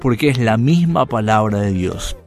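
A man's voice: fairly low pitch, normal speed, soft background music. A man giving a radio devotional sermon, asking rhetorical questions and letting his voice rise and drop. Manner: rhetorical questions, animated rises and drops. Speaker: radio preacher.

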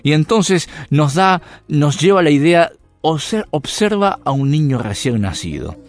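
A man's voice: on the high side, a little slow, no room sound, faint music behind. A man giving a radio devotional sermon, asking rhetorical questions and letting his voice rise and drop. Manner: rhetorical questions, animated rises and drops. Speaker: radio preacher.

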